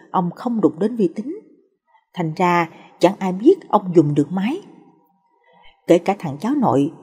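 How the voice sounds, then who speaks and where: Dark-toned woman storyteller. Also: lowish voice, breathy edge. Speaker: narrator. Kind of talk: storytelling narration.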